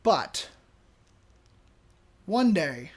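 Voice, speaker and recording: A podcast host casually telling a work story, animated and chatty, acting out the people in it. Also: medium pitch, very slow. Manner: chatty, many fillers and restarts.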